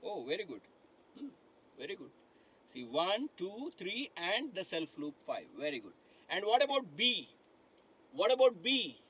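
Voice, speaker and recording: Unhurried and pausing often, this middle-aged man lectures live online from a studio before a dark digital board, with big swings in his high pitch. His tone is a bit bright and slightly rough, the recording is rough too, and he repeats points, questions the class and keeps saying "my dear friends."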